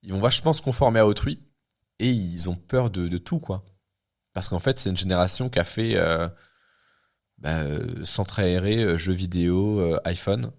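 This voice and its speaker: A man in his twenties gives his frank opinions in a relaxed podcast conversation. His voice sits fairly low, and he circles his points with many fillers and self-corrections. The talk is loose and direct. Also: normal speed. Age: 20s. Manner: blunt, talks things through with many fillers and restarts. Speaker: guest entrepreneur. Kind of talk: casual podcast chat.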